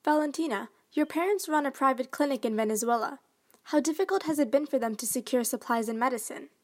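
A woman's voice: high-pitched, fast talker. A sixteen-year-old girl as a student reporter, reading narration and asking interview questions. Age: teens.

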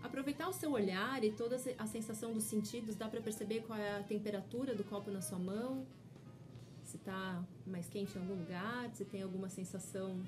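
A woman teacher guiding listeners through a slow mindfulness exercise in a relaxed chat, speaking in a soothing, unhurried way. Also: medium pitch, over music. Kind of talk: guided mindfulness instruction in a casual chat.

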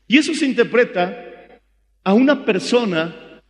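A Bolivian man preaches a sermon with a high voice and a fervent delivery that swells into shouts. His voice carries through a large hall with a long, trailing echo. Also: lively intonation, unhurried. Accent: Bolivian Spanish. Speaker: pastor.

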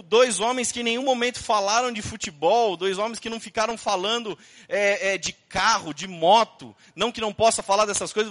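A man preaching a sermon, telling a story and acting out the people in it loudly. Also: high-pitched. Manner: lively, animated, acts out quoted people loudly. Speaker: pastor. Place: church.

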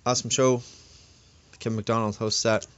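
A man's voice: lowish voice, flat delivery, moderate pace. A man co-hosting a podcast in casual chat, rambling with many fillers and restarts. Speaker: podcast co-host. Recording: dull, slightly lo-fi dry recording.

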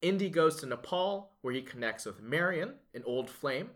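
A man's voice: on the high side, lively intonation, normal speed, fairly bright tone. Upbeat man recapping a film. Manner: enthusiastic, recaps plot with a storyteller's build-up. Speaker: podcast co-host, lawyer. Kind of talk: casual legal podcast chat.

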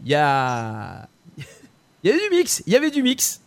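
A man's voice: on the high side, huge pitch swings, normal speed, gravelly. A man hosting a live show, running a song quiz and prank calls in a chatty way, often repeating himself and filling gaps with hesitations. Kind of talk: lively live-stream chat.

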